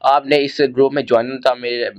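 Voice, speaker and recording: A man's voice: mid-range voice, level tone, quick pace, clear, resonant tone. Man, exam-prep tutor, casual, direct, hesitant restarts. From Pakistan. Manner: frequent fillers and restarts, addresses students directly. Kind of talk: casual exam tips over screen.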